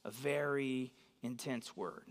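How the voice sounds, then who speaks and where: A man's voice: medium pitch, takes it slowly. A man from West Texas, preaching a sermon in a church in a conversational way and often checking in with his listeners. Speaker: pastor. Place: church sanctuary. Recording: long hall reverb.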